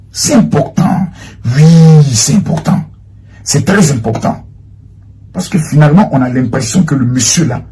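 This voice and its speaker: A man talks to his viewers in a rambling, animated way, often repeating himself. His voice is husky and sits a little high. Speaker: online commentator. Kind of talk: livestream commentary reading chat screenshots.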